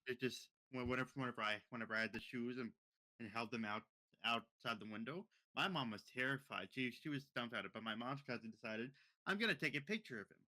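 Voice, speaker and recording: Young male podcast co-host, rambling storyteller, bright and crisp tone. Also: mid-range voice, steady tone, brisk. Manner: rambling, many repeated words and restarts. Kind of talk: casual storytelling.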